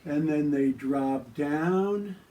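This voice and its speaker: A man with a fairly high, mellow voice teaches tai chi and qigong. He gives calm, soothing cues for each movement, relaxed and instructive. He is recorded some distance from the microphone. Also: extremely slow.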